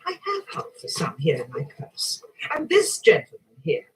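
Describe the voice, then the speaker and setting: An actress plays a genteel married lady of means in a period drama. Her pitch moves up and down in a lively way. She is imperious and insistent, used to giving orders. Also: moderate pace, exaggerated voice. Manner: insistent, bossy.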